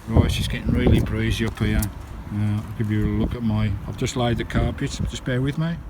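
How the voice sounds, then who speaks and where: A British man with a level, lowish voice narrates a hands-on vlog at a moderate pace, chatting informally and often calling his viewers "guys." He's outdoors on and around a campervan, and the handheld recording picks up wind and loud background noise.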